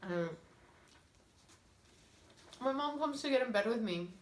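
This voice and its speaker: A woman's voice: a little high, expressive, slow. A woman in her twenties telling a story while eating, chatty, laughing and saying "like" constantly. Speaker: mukbang vlogger. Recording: echoey room with faint ambience.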